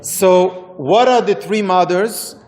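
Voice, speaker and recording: Male religious teacher, Moroccan accent, slow halting delivery, higher-pitched voice, repeats phrases, interactive lesson style. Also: darkish tone. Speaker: religious teacher leading a class.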